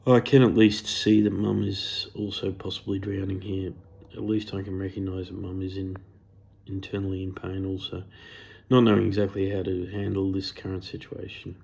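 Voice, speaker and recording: A man's voice: low voice, flat delivery, moderate pace, vocal fry, a little mellow, slightly rough. A man reading a first-person personal story in a self-critical, sardonic, profane way.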